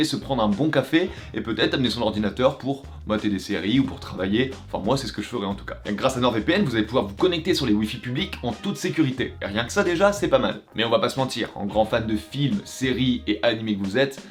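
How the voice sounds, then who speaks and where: A young man talks quickly to his viewers in a casual vlog. His voice sits at a middle pitch, and he is chatty and energetic, with playful asides. Light music plays behind him. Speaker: YouTuber. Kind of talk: casual vlog monologue with a sponsor read. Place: in Japan.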